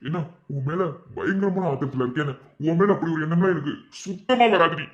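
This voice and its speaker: A man's voice: on the high side, fairly quick, fairly bright tone, muffled recording, lightly acted. A man voicing an accused young husband in a cartoon, with a Madurai Tamil accent and curt, protesting denials.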